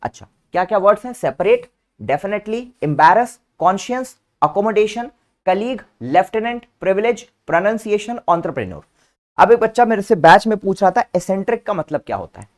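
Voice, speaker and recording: Quick and expressive, this man's high-pitched voice guides an online vocabulary lesson. He patiently spells each word one letter at a time and keeps coaxing his students with a fond "beta."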